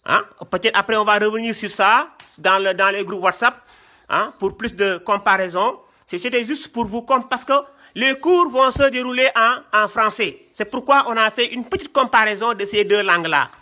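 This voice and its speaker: A man from Senegal, teaching a classroom lesson, talking slowly and repeating himself, often checking with "hein?". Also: high-pitched, sharp tone. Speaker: Quran teacher.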